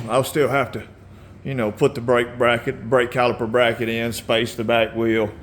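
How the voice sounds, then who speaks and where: A man hosting a casual motorcycle how-to video in his garage, relaxed and rambling, often clearing his throat and coughing. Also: medium pitch, normal speed, a little hiss or hum. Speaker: motorcycle builder and channel host.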